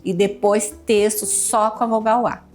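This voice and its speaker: A woman's voice: mid-range voice, moderate pace, a little mellow, faint music behind. A woman educator, a guest in an interview, explaining her method in a patient, teacherly way and repeating examples.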